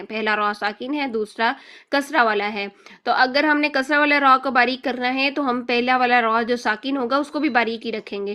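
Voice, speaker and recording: A woman's voice: fairly high pitch, bright, forceful tone. A woman teaching Quran recitation rules in an online lecture, explaining step by step and checking in with listeners.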